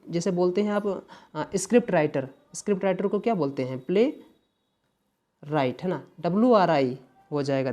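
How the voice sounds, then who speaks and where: Male English exam tutor with a soft, mellow tone, unhurried and explanatory. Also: on the high side. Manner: explains patiently, mixing English terms into Hindi; keeps checking in with "है ना" and "ध्यान दीजिएगा". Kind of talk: exam paper walkthrough lesson.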